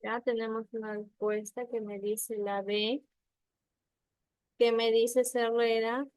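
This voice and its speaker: A woman teaching a primary school spelling lesson online, patient and slow, often checking that the students follow and sounding out words syllable by syllable. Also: on the high side, level tone, darkish tone, no echo. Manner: slow, patient, checks understanding with frequent questions. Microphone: computer mic on a video call.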